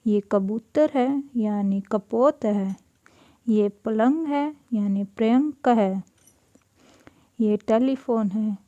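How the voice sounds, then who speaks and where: A woman teacher going through a school lesson, saying each word slowly and giving its meaning. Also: a little high, mellow, no echo, highs cut off. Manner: slow, deliberate, repeats each word and gives its meaning. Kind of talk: classroom lesson explaining Sanskrit words in Hindi.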